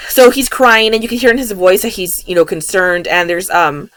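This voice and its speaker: A woman's voice: medium pitch, normal speed, a bit bright. A woman podcast host retelling a strange case in a loose, casual way, full of "you know" and "um". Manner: rambling, filled with "you know" and "um". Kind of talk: casual true-story retelling.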